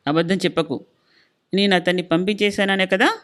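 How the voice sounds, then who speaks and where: A woman's voice: on the low side, fairly even intonation, moderate pace, fairly bright tone, natural voice. A woman voicing a stubborn middle-aged husband who lectures and scolds in an insistent, suspicious way. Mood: insistent lecturing.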